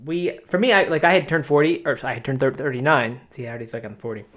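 A man in his late thirties co-hosts a podcast, chatting casually in a mid-range voice with a fairly bright tone and a quick pace. He rambles and pokes fun at himself, filling his talk with fillers and restarts.

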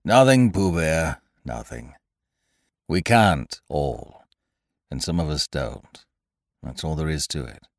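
A gloomy old grey donkey, put on by a man reading a storybook, his voice sunk low and muttered softly. He drags out each word in a mournful, self-pitying sigh, on a dry, close recording. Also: expressive, takes it slowly, long pauses, dry recording, heavily acted. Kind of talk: audiobook character voice.

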